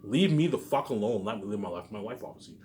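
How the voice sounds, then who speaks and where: An online video maker with a fairly low, darkish voice rants fast and animatedly, agitated and confrontational, repeating himself and swearing a lot in unscripted speech.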